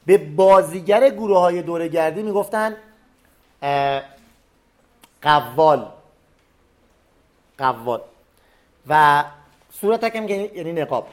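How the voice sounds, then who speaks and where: A man reading a memoir story aloud, pausing to explain old words in plain everyday speech. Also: sits high.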